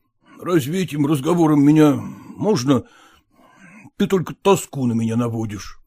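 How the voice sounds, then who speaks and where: A weary, sentimental aging gentleman, read by a man speaks in a dark, husky voice. He pleads softly and drags his words out mournfully in this audiobook. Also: mid-range voice, lively intonation. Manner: soft, mournful, drawn-out pleading. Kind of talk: audiobook character voice.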